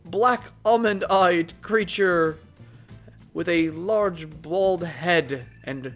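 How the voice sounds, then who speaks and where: A man narrating a tabletop game as game master, describing scenes in an unhurried, halting way. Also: high-pitched, faint music behind.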